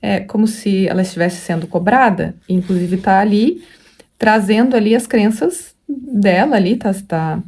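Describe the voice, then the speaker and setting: A woman hosts a spiritual study talk in a relaxed, reflective way. Her voice is dark and soft-edged with a gravelly fry, and her pitch sits in a middle range. She thinks aloud, circling back with fillers and restarts. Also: normal speed. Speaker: spiritual study channel host; mother of a young daughter. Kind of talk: casual reflective teaching talk.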